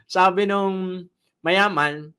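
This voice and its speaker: A man's voice: high voice, fairly even intonation, very slow, pushed and bright, clear, resonant tone. A man leading an online training session, telling a story, asking the audience questions and laughing at his own tale.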